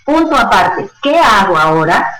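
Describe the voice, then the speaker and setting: A woman's voice: medium pitch, sing-song, moderate pace, fairly bright tone. Explaining woman in a roomy echo. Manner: explanatory, uses everyday analogies and fillers. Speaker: stress management educator. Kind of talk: radio interview guest explaining.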